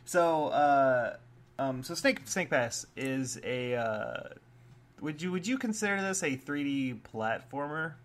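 A man's voice: medium pitch, animated, slow. A young man co-hosting a casual gaming podcast, laid-back and joking with lots of fillers, sounding a bit sick. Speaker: podcast co-host. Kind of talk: casual chat.

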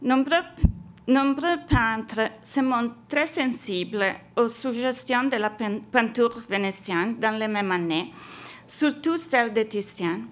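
A woman's voice: fairly high pitch, slow pace. A woman, a French speaker, reading a scripted academic lecture as an exhibition curator, careful and stumbling a little over words. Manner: foreign-accented, non-native French, careful reading with stumbles.

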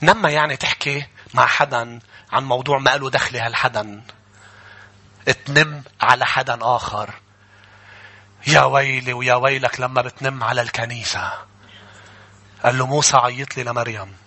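A man with a Levantine Arabic accent preaching a sermon to a live congregation in a church. He moves from chatty asides to fervent shouting and calls on the congregation to answer him. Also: mid-range voice, fairly even intonation, normal speed, long pauses, breathy edge. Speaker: pastor.

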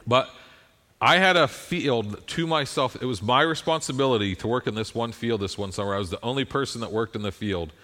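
An American preacher gives a conversational sermon in a folksy, self-deprecating way, often checking in with his listeners. His voice is medium-pitched with a sharp tone, and he talks fairly quickly.

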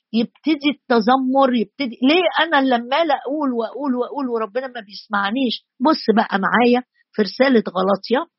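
A woman's voice: on the high side, slightly rough, no echo, muffled recording. A woman with an Egyptian Arabic accent preaching a sermon in an earnest teaching tone, quoting scripture with emphasis.

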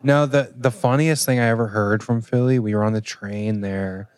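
Animated Midwestern man telling stories. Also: lowish voice, normal speed, clean tone, dry recording. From American Midwest. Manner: animated storyteller, swears casually. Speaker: guest, biscuit shop co-owner. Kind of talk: casual chat.

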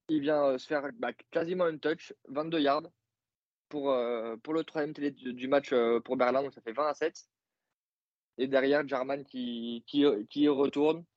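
A man's voice: mid-range voice, darkish tone, dry recording. Chatty man recapping football, lo-fi. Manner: chatty, hesitant with many fillers, joking asides. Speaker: podcast co-host, football analyst. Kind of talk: casual play-by-play recap.

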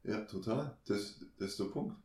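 A man's voice: on the low side, moderate pace, a little mellow. A man in a casual conversation, reflective, explaining his ideas through everyday examples and questions he asks himself. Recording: roomy echo.

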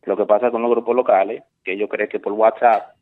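Hombre llamando a la emisora por teléfono, voz grave y tono didáctico, mezcla frases en inglés, audio de línea telefónica. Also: male voice, lowish voice, level tone, brisk. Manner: earnest, explanatory, repeats words, mixes in English phrases. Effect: heard through a phone line. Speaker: radio show caller. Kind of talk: explaining advice on air as a caller. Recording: tinny phone line.

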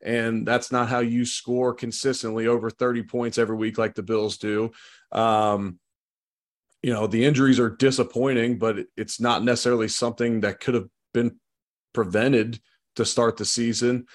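A man giving relaxed, conversational sports commentary as a football analyst, with an informal way of talking. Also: mid-range voice, normal speed. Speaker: football analyst, show guest.

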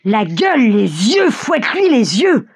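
Brief: woman reader doing a raging drunk peasant man, shrill, husky. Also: big pitch swings, measured pace, full character voice. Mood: drunken rage. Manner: shrill yelling. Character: drunk, furious male peasant cart owner.

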